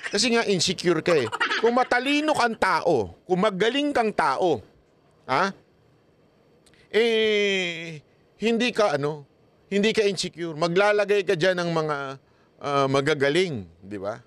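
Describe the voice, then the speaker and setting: A man talking as a guest on a political podcast, animated and scolding, often laughing as he speaks. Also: sits high, unhurried, no echo. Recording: noisy recording.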